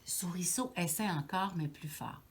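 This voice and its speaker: Animated Québécois woman telling a children's story. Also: medium pitch, slow pace, slight background noise. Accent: Québécois French. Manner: animated, with gasps and asides to young listeners. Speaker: daycare educator. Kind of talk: reading a picture book aloud to children.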